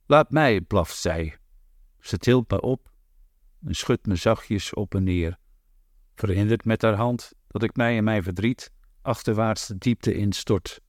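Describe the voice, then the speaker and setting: A man reading a literary novel aloud in a measured, deliberate way. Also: on the low side, steady tone, a little mellow, no echo, studio quality. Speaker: audiobook narrator.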